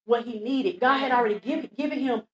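A woman preaching in a church before the pastor, retelling Bible stories in a lively, repeating way and acting out the quotes. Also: on the high side, quick pace. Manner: lively, repeats phrases, acts out quotes, laughs at herself. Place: church sanctuary. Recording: echoey church room.

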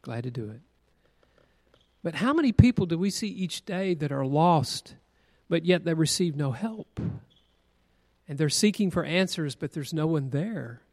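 A man's voice: on the high side, animated, normal speed, darkish tone. A man, a minister leading a church class, telling folksy stories in an earnest, conversational way. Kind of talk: sermon-style storytelling. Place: church hall. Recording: reverberant church hall.

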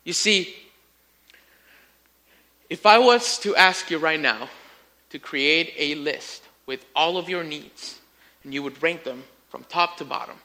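A man preaching a sermon, telling a story with lively emphasis and speaking to his listeners as friends. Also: a little high, takes it slowly, pauses often. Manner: animated storytelling, rising to near-shouts in acted quotes.

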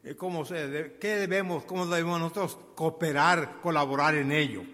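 A man's voice: on the high side, fairly even intonation, normal speed, sharp tone. A man, preaching a sermon with emphasis, asking his congregation questions and telling stories. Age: 80s. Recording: long hall reverb.

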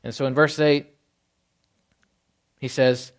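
A man's voice: mid-range voice, little pitch movement, slow pace. Conversational man preaching a sermon. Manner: conversational, often asking "right?" and voicing Bible figures in quotes. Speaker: pastor.

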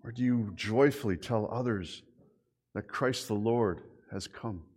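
A middle-aged man preaching a sermon as a pastor. He tells lively stories and keeps asking his listeners rhetorical questions. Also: fairly low pitch, unhurried. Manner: animated storytelling with rhetorical questions.

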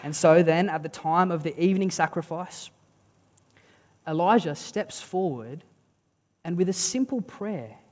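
A preacher delivering a sermon, retelling a story with dramatic pauses in a casual, conversational way. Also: mid-range voice, darkish tone. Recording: long reverb of a large hall.

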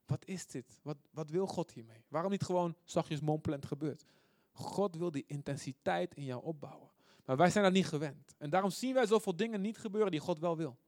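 Male preacher, slightly high voice, dry recording; loud emphatic readings, quiet asides, keeps asking the room questions. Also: brisk, dry recording. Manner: asks the audience questions often. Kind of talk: sermon.

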